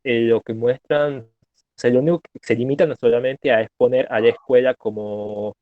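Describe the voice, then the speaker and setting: Halting man on a choppy call. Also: mid-range voice, steady tone, no room sound. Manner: hesitant, halting, many fillers and restarts. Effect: choppy online call connection, cutting out. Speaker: student. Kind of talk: speaking up in an online class. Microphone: video call. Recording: tinny, dry call audio.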